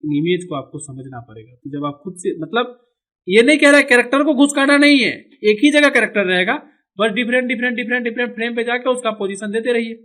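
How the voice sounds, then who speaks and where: A man from India giving a step-by-step animation software tutorial, pausing on "okay" between steps. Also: very high-pitched, animated. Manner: explanatory, keeps saying "okay" between steps. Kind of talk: screen-recorded software tutorial.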